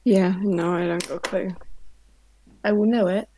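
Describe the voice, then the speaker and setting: A woman playing along in a casual quiz among friends, chatty and self-mocking, who protests loudly. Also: medium pitch, fairly even intonation, normal speed, a little hiss or hum. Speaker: quiz contestant and podcast co-host.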